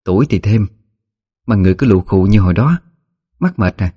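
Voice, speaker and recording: A man voicing a sharp-tongued middle-aged wife who nags her servant, in a storybook reading. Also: mid-range voice, animated, very fast, slightly rough, voice pushed up. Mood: nagging. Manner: sharp, nagging. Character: shrill scolding middle-aged wife of the house.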